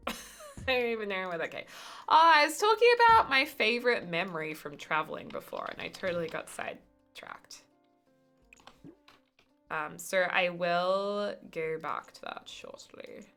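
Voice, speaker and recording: A woman live-streamer with a bright, forward voice and a very animated, swinging delivery. She chats in a playful, casual way while she plays, with music running behind her. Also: mid-range voice, moderate pace. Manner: playful, chatty, slips in and out of put-on accents. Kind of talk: casual live-stream chat while playing a building game.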